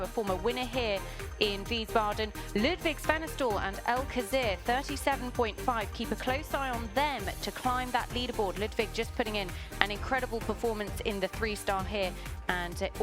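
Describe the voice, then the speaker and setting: A woman hosting live sports coverage in a brisk, upbeat studio manner. Faint music plays behind her voice. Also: on the high side. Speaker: presenter.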